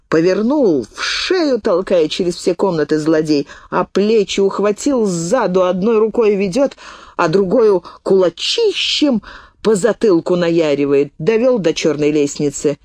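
A woman's voice: fairly low pitch, a little slow, dry recording. A woman doing a folksy old peddler woman. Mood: indignant storytelling. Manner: folksy storytelling, lively and indignant. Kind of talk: audiobook reading.

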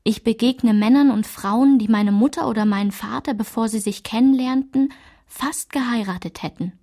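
In a literary radio play, a woman voices a narrator remembering her childhood in a small French town. Her voice is fairly high and mellow, and her delivery is measured and enumerating, with a reflective mood.

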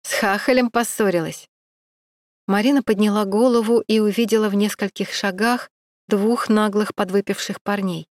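A woman narrates a novel in a measured, even storytelling voice at an ordinary pitch. The recording is close and dry, with no room sound at all. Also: dry recording. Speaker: audiobook reader. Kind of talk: scripted narration.

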